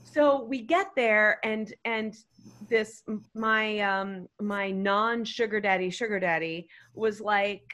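A guest storyteller with a mid-range voice tells a comedic story to a podcast panel at a slow pace. She's animated and rambling, driving her points home with an emphatic "freaking."

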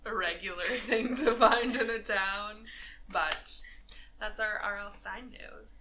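A woman's voice: mid-range voice, steady tone, slow, a loud crowd, poor audio. A woman co-hosting a casual chat, talking in a meandering, chatty way with many fillers. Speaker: podcast co-host.

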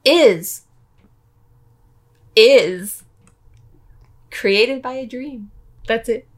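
A woman co-hosting a casual guessing game, playful and quick to laugh. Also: on the high side. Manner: playful, laughs often, sings snatches.

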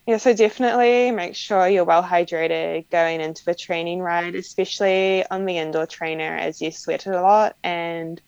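A young professional cyclist with a strong New Zealand accent answers interview questions casually, full of "like" fillers and light laughs. Her fairly low voice has vocal fry, fairly even intonation, normal speed and few pauses, a little mellow with a clean tone. The recording is dry, with a slightly dull lo-fi sound.

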